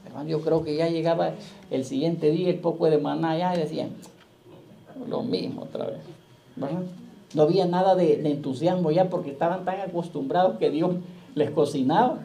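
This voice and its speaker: Male pastor, warm mellow tone, fiery preaching full of rhetorical questions. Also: a little high, steady tone, vocal fry. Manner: fiery preaching with rhetorical questions, slow drawn-out scripture quotes. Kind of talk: sermon.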